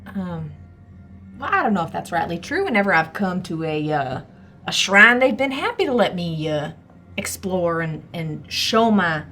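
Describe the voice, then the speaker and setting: A woman's voice: fairly low pitch, very animated, moderate pace, bright, forceful tone, a little hiss or hum. A woman playing a tabletop role-playing game, improvising in character in a hesitant, polite way.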